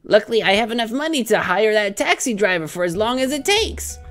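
A man's voice: high voice, sing-song, fairly quick, bright, forceful tone, voice pushed up, full character voice. A man voicing an earnest, aggrieved watermelon hero from a cartoon game, with plaintive delivery.

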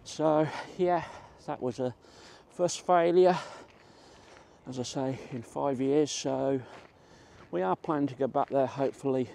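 A middle-aged man strolls through a country park, talking casually as a vlogger in a gravelly, mellow, mid-range voice at a measured pace. Light ambient noise from outdoors comes through on the recording.

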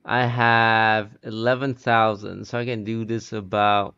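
Guy streamer, kinda low n gravelly, deadpan thinking out loud, clicking behind. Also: measured pace, highs cut off. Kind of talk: casual commentary on stream.

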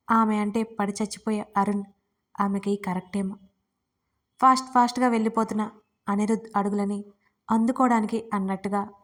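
A woman narrating her own romance serial as a storyteller, in a steady, expressive reading. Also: medium pitch. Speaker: storyteller and writer. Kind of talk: scripted romance audiobook narration.

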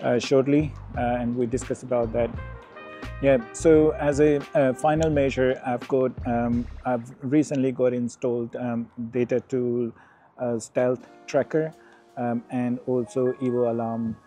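A middle-aged man explaining motorcycle security in a casual vlog, outdoors on a residential street, pausing often with ums and uhs. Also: mid-range voice, level tone, mellow, faint music behind. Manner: hesitant, many ums and uhs. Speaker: motorcycle vlogger.

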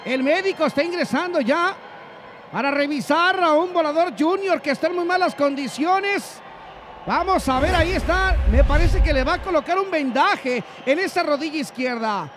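A man with a Mexican Spanish accent giving excited, dramatic, emphatic lucha libre wrestling commentary. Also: very high-pitched, normal speed. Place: large indoor wrestling arena. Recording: loud arena crowd noise behind.

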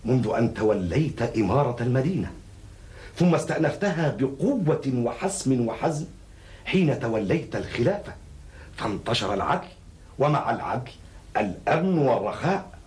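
A man's voice: medium pitch, expressive, normal speed, darkish tone, close to an everyday voice. A middle-aged man playing an earnest, outspoken counsellor in a classical Arabic historical drama, speaking formally and with rhetorical emphasis. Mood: earnest, praising. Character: earnest, outspoken male counsellor questioning his caliph.

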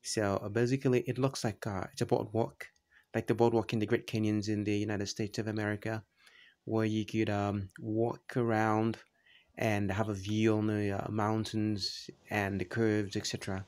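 A man narrating a travel vlog, describing the view in a halting way, with many fillers and restarts. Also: fairly low pitch, little pitch movement, a little mellow. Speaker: travel vlogger.

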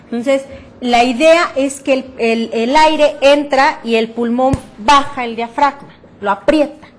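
A woman's voice: sits high, measured pace, slight background noise. A woman teaching a reading-aloud workshop with a Mexican Spanish accent, explaining breathing and projection patiently and often checking that her class understood. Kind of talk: voice projection lesson.

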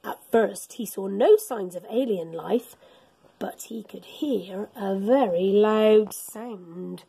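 In a rough recording from an indoor school classroom, a middle-aged woman with a mid-range, breathy-edged voice and vocal fry slowly reads a picture book to children like a teacher. Her storytelling is animated and dramatic, expressive and laced with gasps and whispers.

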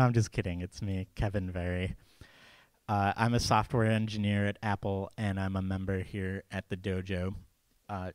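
A man's voice: fairly low pitch, no echo. A man, casually hosting a live talk evening into a handheld microphone, joking and using many fillers. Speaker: event host. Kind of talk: casual live event introduction. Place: small event space indoors.

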